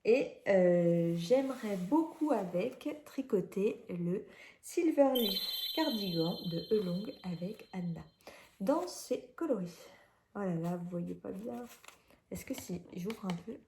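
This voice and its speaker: A woman's voice: medium pitch, expressive, slow pace, echoey room, background noise. A woman from France chatting casually about her knitting at home, with lots of hesitations and fillers. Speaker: knitting vlogger. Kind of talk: casual chat. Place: at home indoors, near a window shutter.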